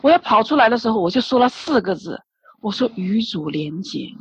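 Woman telling her faith testimony, very husky breathy voice, dull lo-fi sound, kinda high. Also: animated, fast talker. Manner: emotional, repetitive storytelling with many restarts. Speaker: church member giving testimony. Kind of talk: personal religious testimony. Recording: dull lo-fi recording, dry.

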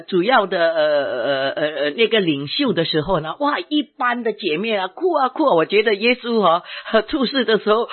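A woman's voice: medium pitch, slightly rough. A woman, a former pastor, giving an emotional church testimony, asking herself questions and answering them. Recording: tinny phone-like sound.

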